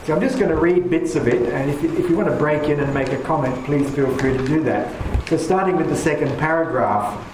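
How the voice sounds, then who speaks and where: A man leads a poetry class with enthusiasm, restarting his sentences again and again. His voice carries through an echoey room. Steady background noise hangs under it. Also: fairly high pitch, fairly quick, few pauses. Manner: enthusiastic, rambling with many restarts. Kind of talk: leading a class discussion. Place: room with paintings, a group seated.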